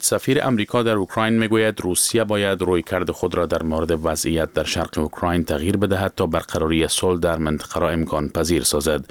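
A man reading the news in a measured, formal way. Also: low voice, no room sound. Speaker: newsreader. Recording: dry studio sound.

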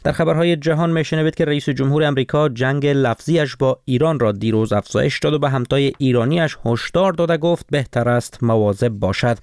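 A man's voice: medium pitch, a little mellow, clear, resonant tone, no echo, studio quality. A man with an Afghan Dari accent presents a radio programme and reads scripted headlines in a formal manner. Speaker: radio host and newsreader.

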